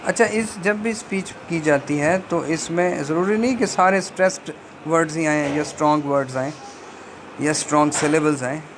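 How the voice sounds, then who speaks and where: A man giving a linguistics lecture, explaining a textbook step by step with frequent hesitations and reading English passages very slowly. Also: fairly high pitch. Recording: faint background noise.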